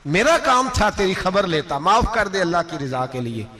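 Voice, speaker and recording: A man's voice: high-pitched, sing-song, normal speed, a crowd in the background. A man with a Pakistani Urdu accent preaching a sermon, telling a moral story with impassioned rising peaks.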